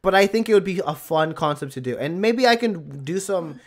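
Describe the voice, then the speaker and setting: A man live-streaming a game, chatting excitably with his viewers and mocking himself. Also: high voice, fairly quick. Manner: excitable, self-mocking, talks to chat. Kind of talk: live gaming stream chat.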